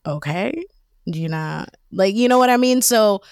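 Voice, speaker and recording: A woman hosting a relaxed podcast chat, her voice at an ordinary middle pitch. She often laughs between phrases and lifts her voice to act out what others said. The recording sounds dry and close. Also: moderate pace, clear, resonant tone, dry recording. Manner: acts out quoted dialogue in a higher voice. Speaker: podcast host. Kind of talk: casual chat.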